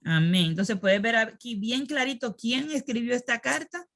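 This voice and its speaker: A woman's voice: fairly high pitch, normal speed, fairly bright tone. Woman teaching a Bible class. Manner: quizzes the class, repeats key words, checks in with "¿ok?". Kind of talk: Sunday school lesson.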